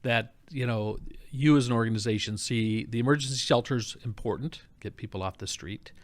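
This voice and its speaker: A man's voice: mid-range voice, fairly quick. A man hosting an interview in a conversational style, with informal, wordy recaps leading into his questions. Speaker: interviewer, show host.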